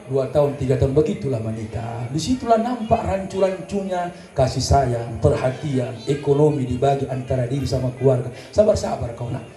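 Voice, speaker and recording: A man's voice: mid-range voice, brisk. A man preaching a comedic sermon at a religious celebration, with a North Sumatran accent, joking and acting out quarrels between couples. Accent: North Sumatran Indonesian. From North Sumatra, Indonesia. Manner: lively, joking, acts out quarrels, sings snatches. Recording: echoey hall with faint noise.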